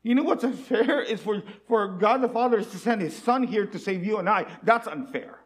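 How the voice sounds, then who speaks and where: A man delivers a sermon in a high, light voice. He pleads earnestly with his listeners and keeps asking them rhetorical questions. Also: moderate pace. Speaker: preacher.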